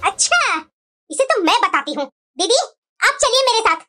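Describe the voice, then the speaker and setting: A voice actor playing a hot-tempered elder daughter-in-law in a cartoon, sharp and scolding. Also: very high voice, big pitch swings, moderate pace, loud music behind the voice, pitched below the performer's own voice. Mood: curious. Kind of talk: cartoon voice acting.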